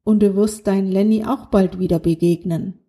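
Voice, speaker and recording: A woman voicing a kind young alien girl in a children's audiobook, gentle and reassuring. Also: mid-range voice, steady tone, moderate pace, lightly acted.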